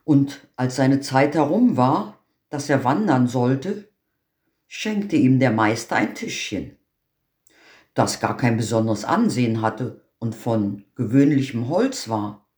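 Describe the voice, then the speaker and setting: A man reading a fairy tale aloud as narrator, in a slow, measured storytelling manner. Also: mid-range voice, big pitch swings, darkish tone. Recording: roomy echo.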